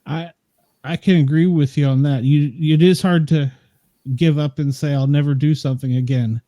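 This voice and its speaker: Fifties guy hosting a podcast, kinda high but mellow voice, jokey and self-deprecating, dry sound. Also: fairly even intonation, moderate pace, dry recording. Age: 50s. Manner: joking, self-deprecating, laughs often. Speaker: podcast host. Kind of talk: casual interview chat.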